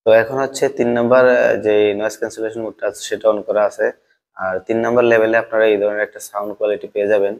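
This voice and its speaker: A man's voice: fairly low pitch, very fast. A man reviewing a gadget in a casual vlog, speaking through a clip-on mic whose noise cancellation leaves processing artifacts on his voice. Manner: steady explaining tone with many fillers. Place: parked car on a busy street, window open. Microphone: clip-on wireless lavalier. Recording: street traffic noise behind.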